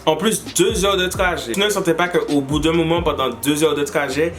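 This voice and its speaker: A young man from the French Antilles telling comic stories and reacting to viewers' embarrassing moments, jumping into high squeaky voices when he quotes people. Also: moderate pace, faint music behind. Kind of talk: comic storytelling to camera.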